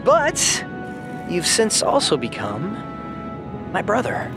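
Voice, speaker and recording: A male freighter spaceship in a sci-fi audio drama. His voice is high and very animated, full of easygoing, teasing slang. He plays the brash adventurer over a music bed. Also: slow pace, creaky, heavily acted. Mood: affectionate teasing. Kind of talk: audio fiction drama acting.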